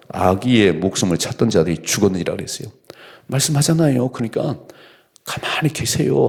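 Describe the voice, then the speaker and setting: A man's voice: lowish voice, creaky, a little mellow. A male pastor giving an early-morning sermon, reading scripture aloud and preaching in a conversational way full of rhetorical questions. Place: church.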